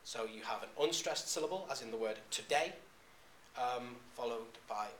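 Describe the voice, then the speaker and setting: Halting male lecturer in an echoey room. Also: medium pitch, a bit bright, a little hiss or hum. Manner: halting, frequent "um"s and restarts. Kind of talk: classroom lecture. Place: classroom.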